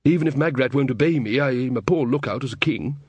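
A man's voice: medium pitch, brisk, darkish tone, husky, no room sound, close to an everyday voice. A man voicing a nervous, earnest young king who talks in a hesitant, fretful way.

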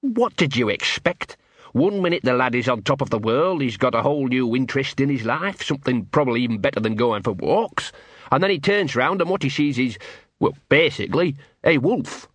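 A man's voice: mid-range voice, lively intonation, a little fast, slightly rough, no echo. A man voicing a scruffy, sardonic small male street dog in an audiobook, talking in a grumbling, world-weary way.

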